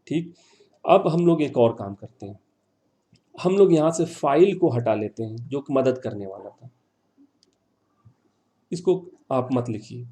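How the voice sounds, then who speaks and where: A man's voice: mid-range voice, animated, pauses often, mellow. A male teacher giving an online class, patiently repeating words and quizzing his students.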